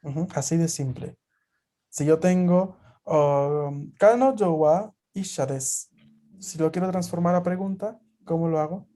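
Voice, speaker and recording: Male teacher on a video call, warm mellow tone, patient and explanatory, lots of fillers. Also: fairly high pitch, fairly even intonation, unhurried. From Peru. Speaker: language teacher. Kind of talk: online class teaching.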